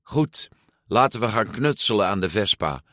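A man's voice: lowish voice, animated, normal speed, no echo, studio quality, pitched above the performer's own voice. Een man die een verlegen, zachtaardige jongen voorleest in een verhalenboek. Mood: gentle. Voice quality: soft, wondering. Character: shy, gentle young boy.

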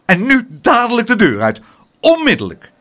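A man's voice: very high-pitched, wildly swooping pitch, moderate pace, voice pushed up, heavily acted. A man doing a furious scolding mother. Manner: loud and scolding. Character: stern indignant middle-aged woman, a mother.

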